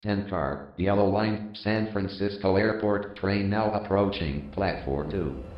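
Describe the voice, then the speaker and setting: A low male voice delivers a recorded train station announcement through the platform loudspeakers. Each phrase is clipped and measured. It rings with echo across the station, over faint platform noise. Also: muffled recording. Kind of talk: automated public-address announcement.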